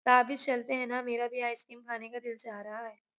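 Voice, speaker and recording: A woman's voice: on the high side, steady tone, brisk, natural voice. A woman reading the lines of a cheerful, playful young wife in a narrated novel.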